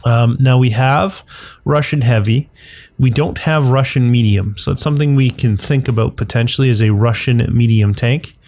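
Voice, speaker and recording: A man's voice: mid-range voice, normal speed, a little mellow, dry recording. A man with a stuffed-up, congested voice talks casually through a video game at his computer, rambling and correcting himself as he goes. His voice sits in a middle range. The sound is dry and close, with no room around it. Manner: rambling, self-correcting, thinking aloud. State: congested from the flu. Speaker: gaming channel host. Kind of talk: casual gameplay commentary.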